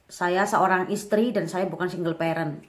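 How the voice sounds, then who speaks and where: Her voice is fairly low and her pace moderate as this twentysomething vlogger addresses the camera directly. She relates her personal story in a candid, laid-back, chatty style full of fillers.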